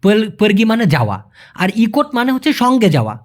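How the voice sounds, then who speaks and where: Man explaining a lesson, lively pitch. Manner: explains patiently, repeats phrases slowly, asks "clear?". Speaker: language teacher. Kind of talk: casual spoken language lesson.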